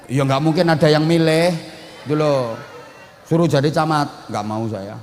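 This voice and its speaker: A man's voice: on the high side, normal speed, a little mellow, big-room sound, a faint crowd. A man preaching a humorous sermon, blunt and joking, mixing in local dialect.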